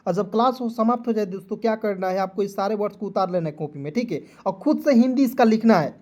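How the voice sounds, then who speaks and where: A man's voice: sits high, fast, a little mellow. A man teaching an online lesson, who patiently spells words out letter by letter and keeps checking in with his viewers as friends. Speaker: English teacher.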